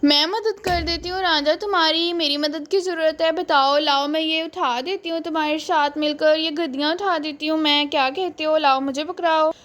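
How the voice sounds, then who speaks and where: A woman's voice: high voice, steady tone, moderate pace, few pauses, a bit bright. Woman voicing a sulky young woman doll. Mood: eager. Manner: pouting, pleading.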